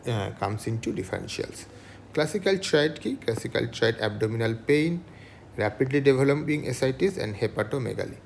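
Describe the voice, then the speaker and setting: Gravelly-voiced man lecturing. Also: mid-range voice, a little mellow, slight background noise. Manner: asks questions then answers, lists items. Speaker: medical lecturer. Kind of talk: clinical case lecture.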